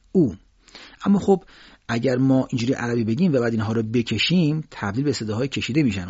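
Male radio recitation teacher, medium pitch, slightly husky, patient explainer, dry muffled studio sound. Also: a little mellow, dry recording. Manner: patient explanation, pausing often with fillers; demonstrates vowel sounds slowly and drawn out. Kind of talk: radio lesson on Quran recitation.

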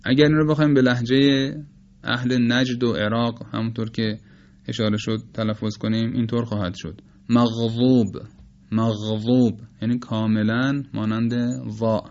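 Male lecturer, Persian speaker, unhurried teaching tone, models sounds slowly, mid-pitched, slightly muffled recording. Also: level tone. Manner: measured, explanatory, demonstrates sounds slowly. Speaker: teacher of Quranic recitation. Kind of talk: spoken lecture on phonetics.

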